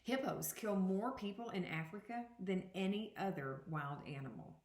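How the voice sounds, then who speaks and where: Reading deliberately to young children, a female second grade teacher pauses to pose questions during an interactive read-aloud. She has a mid-range voice with lively intonation, heard in an echoey room.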